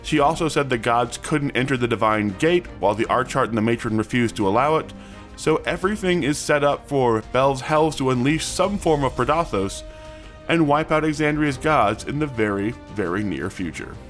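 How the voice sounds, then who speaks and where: A man's voice: medium pitch, lively intonation, normal speed. A man hosting and reading scripted news narration. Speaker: news host. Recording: music bed under the voice. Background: background music.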